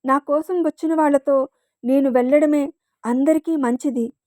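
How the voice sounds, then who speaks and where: A young woman, sullen and withdrawn, giving short flat answers, as a woman reader puts her on. The voice stays high and very dry, close to the mic. It is a storybook figure. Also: normal speed, no room sound, lightly acted. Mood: cold.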